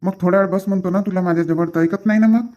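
A man's voice: sits high, steady tone, very fast, mellow, lo-fi sound, close to an everyday voice. A man playing a young husband who sulks mildly and pleads with his wife to sit with him in a comedy sketch.

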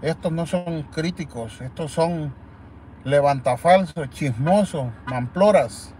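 Slow, blunt livestream host. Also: male voice, on the high side, darkish tone, slight background noise. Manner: blunt, scornful and crude. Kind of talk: casual live-stream talk.

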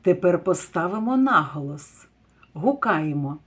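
A kindergarten teacher leads a phonics lesson for young children, sounding out words slowly and asking questions. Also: female voice, lowish voice, very animated, a bit bright, slightly rough. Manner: slow, drawn-out word sounding with praise and questions.

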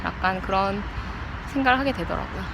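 A person recording a casual, unscripted vlog diary outdoors, chatting reflectively to viewers and pausing mid-thought. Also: medium pitch, expressive, creaky. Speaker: vlogger. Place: outdoors by a riverside path. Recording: outdoor noise, traffic and city ambience.

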